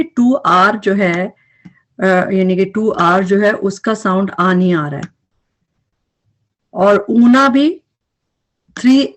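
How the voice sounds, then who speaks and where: A woman's voice: medium pitch, fairly bright tone. A woman teaching an Arabic grammar recap lesson, explaining patiently and mixing English terms into her speech.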